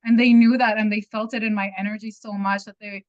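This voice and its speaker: A woman's voice: medium pitch, level tone, brisk, darkish tone, no echo. A woman in her thirties, from Iran, telling her personal story candidly and emphatically in a group circle. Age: 30s. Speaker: participant sharing her story. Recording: dull dry lo-fi audio.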